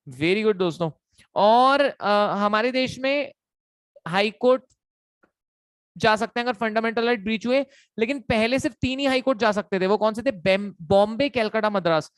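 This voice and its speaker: A man's voice: high voice, normal speed, fairly bright tone, clear, resonant tone, dry recording. A young man giving an online lecture, playful and teasing, repeating himself often. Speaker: teacher.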